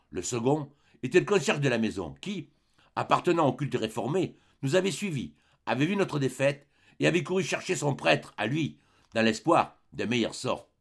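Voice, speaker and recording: A man narrating a classic novel as an audiobook in a measured, dramatic manner. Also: medium pitch, vocal fry. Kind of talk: scripted literary narration.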